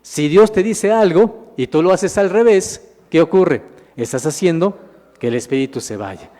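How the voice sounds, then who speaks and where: Preacher in a reverberant hall. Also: male voice, fairly high pitch, animated, moderate pace, dark tone. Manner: keeps asking the congregation questions and answering them himself; calls listeners "hermanos". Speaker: minister. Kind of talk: sermon, Bible teaching with slides. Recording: long reverb of a large hall.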